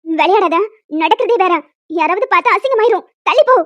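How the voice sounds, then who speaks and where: A woman's voice: very high-pitched, fast talker. A woman voicing a frightened but defiant young woman in a cartoon, scolding and pleading. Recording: dull lo-fi with music behind.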